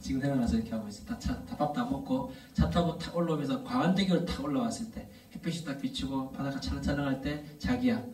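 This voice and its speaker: A man's voice: medium pitch, lively intonation, fast, few pauses, darkish tone, distant mic. A man in his thirties preaching to a youth service. He tells stories and builds up to emphatic, repeated questions. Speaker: youth pastor. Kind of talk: sermon. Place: church worship hall. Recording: echoey room, voice from off mic.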